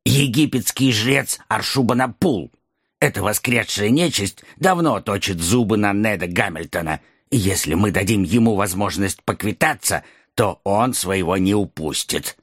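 A husky, fawning dwarf servant. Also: male voice, on the low side, moderate pace, dry recording, studio quality. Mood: scheming. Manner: servile, scheming, obsequious. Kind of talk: audiobook character reading.

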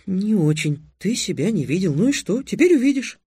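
A man voicing a teasing, practical young girl companion in a soft, quiet voice. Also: sits high, sing-song, normal speed, slightly rough, no room sound, clean studio sound, voice pushed up, exaggerated voice.

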